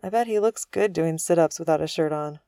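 A woman's voice: deep voice, a little fast, warm tone, clean tone, no room sound, studio quality. A woman voicing a moody, self-deprecating male starship captain in a storybook reading, wry and prickly.

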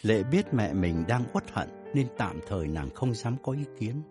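A man narrating a family story in an expressive, dramatic reading style. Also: lowish voice, moderate pace, faint music behind.

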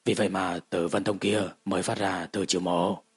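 Low voice guy reading a fantasy novel aloud, really clean and smooth, steady pace. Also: normal speed. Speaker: audiobook narrator. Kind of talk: scripted fantasy audiobook narration.

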